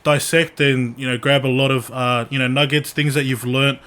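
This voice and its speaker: A man hosting a podcast in casual, earnest, slangy talk, often halting and repeating words. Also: medium pitch, level tone, fairly bright tone. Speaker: podcast host. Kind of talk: casual chat.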